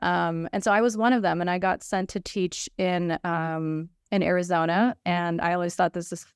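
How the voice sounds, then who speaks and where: A woman's voice: fairly low pitch, fairly even intonation, moderate pace, clean tone, dry recording, clean studio sound. Woman in her thirties on a video call. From United States and Russia. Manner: conversational, frequent fillers and restarts. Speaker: panelist. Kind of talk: webinar self-introduction.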